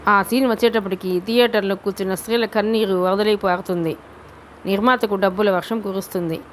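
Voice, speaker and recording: A woman narrating a novel as an audiobook, reading in a steady, deliberate way. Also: medium pitch, a little hiss or hum.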